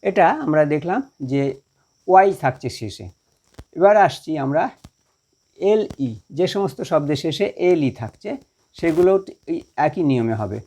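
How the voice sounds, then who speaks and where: A man teaching a recorded grammar lesson, speaking slowly and carefully, pausing with fillers and spelling words out letter by letter. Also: a little high, animated, mellow. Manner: measured, with hesitant fillers.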